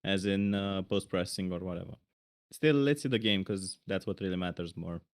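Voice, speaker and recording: A man's voice: sits low, brisk. A man co-hosting a casual livestream, giving blunt, opinionated critiques of game jam entries. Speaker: stream co-host reviewing game jam entries.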